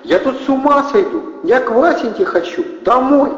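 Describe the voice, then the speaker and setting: A hysterical young woman, as a male reader puts her on, begs in a high, tearful voice, her pitch leaping well above a man's. The audiobook sounds echoey and dull, with a long hall reverb. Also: expressive, moderate pace. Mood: pleading.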